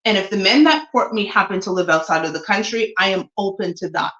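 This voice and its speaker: A Jamaican-born woman in her forties, raised in Toronto, Canada, hosts a solo opinion livestream, frank and opinionated with frequent ums. She speaks fast in a medium-pitched, fairly bright voice. The room is echoey and the sound lo-fi.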